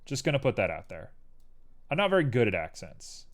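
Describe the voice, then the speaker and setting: A man's voice: mid-range voice, sing-song, a little fast. A young man streaming while he 3D models, muttering to himself in a playful, rambling way. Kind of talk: casual livestream commentary while 3D modeling.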